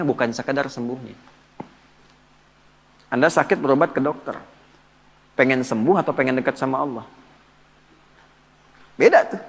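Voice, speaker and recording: Lively preacher in a reverberant hall. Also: male voice, mid-range voice, creaky, breathy edge. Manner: lively, asks the audience questions and answers them. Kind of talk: religious lecture.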